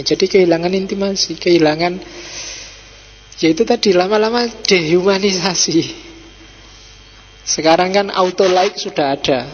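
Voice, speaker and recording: A middle-aged man with a Javanese accent giving a relaxed, teasing philosophy lecture to a study circle in a mosque, slipping into Javanese asides. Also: sits high. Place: mosque hall. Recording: dull echoey hall recording with faint hum.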